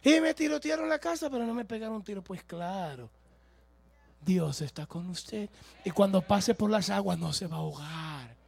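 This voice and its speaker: Gravelly high-voiced preacher man. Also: moderate pace. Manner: swings from hushed asides to shouted exclamations, joking, laughing. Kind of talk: lively sermon. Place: church.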